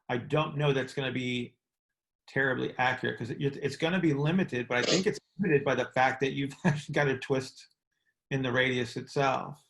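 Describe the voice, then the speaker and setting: A man with a mid-range, slightly bright voice and vocal fry explains things informally as host and coach on a group call. He speaks haltingly, often repeating his words and asking questions to check for agreement.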